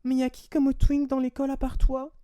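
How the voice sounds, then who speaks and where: A man voicing a mocking young female schoolmate in a high squealing falsetto. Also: moderate pace, warm tone, natural voice.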